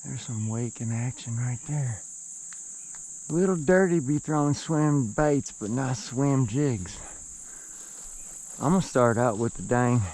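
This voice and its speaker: A man's voice: medium pitch, a little slow, pauses often. A man hosting his own fishing video outdoors by a lake, recorded on an action camera, who keeps talking to himself and to the fish he lands. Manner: excitable, talks to himself and the fish. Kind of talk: casual fishing vlog commentary.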